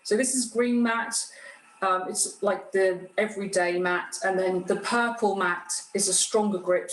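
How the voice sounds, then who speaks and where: A woman giving an informal hands-on demonstration, explaining each step in a plain-spoken way. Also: on the low side. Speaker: guest craftsperson demonstrating a cutting machine. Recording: roomy echo with clear background noise.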